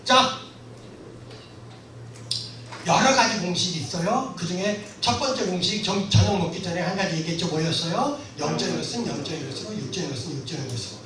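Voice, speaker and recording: A middle-aged male pastor giving an impassioned, storytelling sermon lecture to a congregation, often breaking into shouts. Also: high-pitched, expressive, a little fast, a crowd in the background. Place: church hall. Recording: very echoey church hall, mic far off, faint noise.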